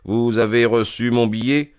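A man voicing a calm, shrewd detective who speaks softly and gravely, in a slow, deliberate way. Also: mid-range voice, dry recording, clean studio sound, pitched above the performer's own voice, lightly acted. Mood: grave, gentle. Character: calm shrewd male detective, middle-aged, gentle and grave.

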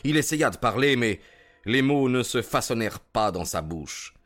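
A man narrating a detective story in measured, even scripted narration. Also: mid-range voice, faint music behind.

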